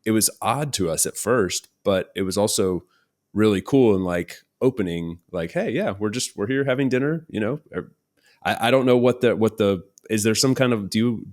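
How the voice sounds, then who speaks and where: A man hosting a casual interview, relaxed and curious, sharing an anecdote and asking questions. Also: fairly low pitch, moderate pace. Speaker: podcast host.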